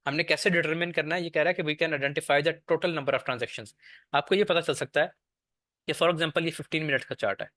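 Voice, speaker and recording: A man's voice: a little high, normal speed, pushed and bright, dry recording, studio quality. A man teaching a trading class over a screen share, explaining step by step and often checking that the listener follows.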